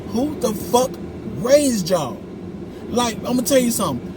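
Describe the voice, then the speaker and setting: A man in his forties ranting casually in a car, animated, profane and emphatic. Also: very high voice, unhurried. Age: 40s. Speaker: vlog co-host. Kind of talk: casual rant. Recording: loud car and road noise.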